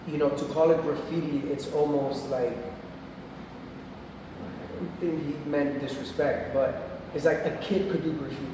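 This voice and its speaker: Man in his forties, echoey gallery. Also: on the high side. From Puerto Rico. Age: 40s. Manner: relaxed, explanatory, with frequent fillers. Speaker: guest artist. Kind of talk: casual artist talk. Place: art gallery. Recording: echoey gallery from far off, noisy.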